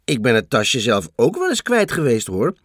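A man voicing a patient, kindly grandmother in a storybook reading, gentle and musing. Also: medium pitch, wildly swooping pitch, moderate pace, no echo, clean studio sound.

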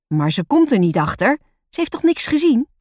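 A woman's voice: on the high side, big pitch swings, moderate pace, a little mellow, dry recording, studio quality, voice pushed up. A woman doing a cheeky, mischievous schoolboy. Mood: gleeful. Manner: cheeky, secretive.

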